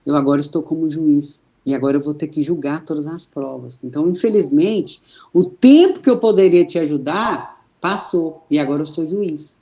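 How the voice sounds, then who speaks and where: Man playing a calm regretful judge. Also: fairly high pitch, moderate pace, muffled recording. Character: middle-aged male judge, calm and regretful.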